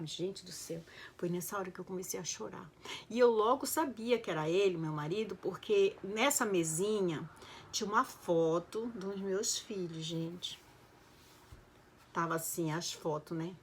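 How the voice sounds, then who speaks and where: An emotional woman from Belém, Brazil, casually tells the story of her life, animated and repeatedly calling her listeners "gente." Her voice is fairly low, and the recording has a slight hiss or hum.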